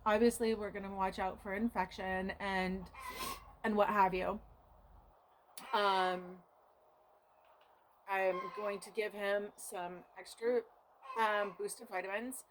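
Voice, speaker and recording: A woman's voice: mid-range voice, flat delivery, slow, long pauses, a little hiss or hum, low-quality recording. A woman homesteader telling her vlog audience, shaken and earnest, about a frightening mishap, often speaking of God and prayer. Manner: shaken, earnest retelling of a scare. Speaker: homesteader vlogger. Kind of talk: emotional storytelling to camera.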